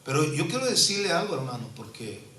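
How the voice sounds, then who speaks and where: Man, 50s, pastor giving an earnest sermon, bright voice, heard from afar in a reverberant church. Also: a little high, big pitch swings, fairly quick, distant mic. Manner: earnest preaching, frequent tag questions. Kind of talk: sermon with personal testimony. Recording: echoey church from afar, faint noise.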